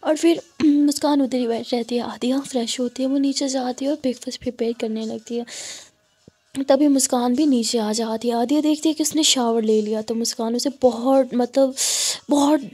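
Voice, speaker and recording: A woman's voice: sits high, steady tone, normal speed, mellow, breathy edge. A woman narrating a love story in a chatty, casual way with asides to the listener.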